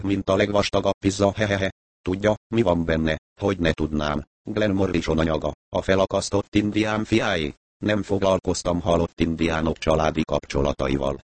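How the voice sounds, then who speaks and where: A man's voice: low voice, no room sound, close to an everyday voice. A man voicing a tiny, sly, sarcastic middle-aged crook who talks crude and whiny.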